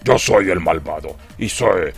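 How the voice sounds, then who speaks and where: A man doing an evil monster that gloats in a mocking, cackling voice. The voice sits lower than the speaker's own and drags out its words. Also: lively intonation, a little slow, gravelly, breathy edge, soft background music, heavily acted. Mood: gloating.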